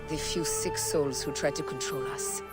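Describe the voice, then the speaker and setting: Woman voicing a cold warrior woman, very low voice, music behind. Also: steady tone, normal speed, close to an everyday voice. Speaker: game character. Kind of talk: video game cutscene acting. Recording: game audio under music.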